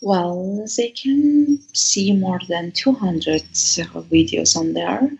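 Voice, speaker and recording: A woman with a Russian accent and a husky, gravelly voice, chatting casually as an interview guest. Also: fairly low pitch, lively intonation, slow, a little mellow, slight background noise, rough recording. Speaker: interview guest, adult content creator.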